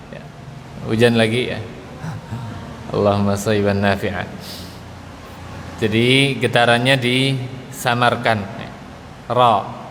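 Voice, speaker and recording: A man teaches Quran pronunciation, slowly drawing out each letter sound and tagging "ya" onto almost every phrase. His voice sits at an ordinary middle pitch. Long reverb from the mosque hall trails behind him over a faint hiss of noise. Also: a bit bright. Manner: patient, slow demonstrations of letter sounds, adds "ya" after nearly every phrase.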